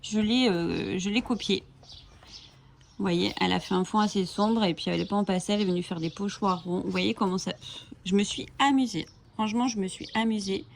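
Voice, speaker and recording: A woman with a medium-pitched voice and vocal fry talks a little fast as she flips through coloring books for her coloring channel. She chats enthusiastically, using frequent fillers. Slight background noise accompanies the chirping of birds.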